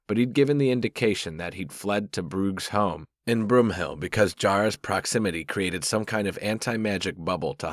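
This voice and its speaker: A man narrating a fantasy audiobook in the first person, steady and even. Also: sits low, no echo, studio quality.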